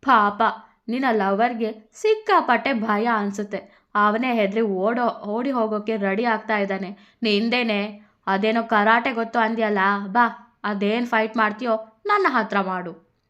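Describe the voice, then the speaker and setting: A woman's voice: fairly high pitch, unhurried, fairly bright tone, muffled recording. A woman voicing a drunk young man in a narrated story, mocking and challenging.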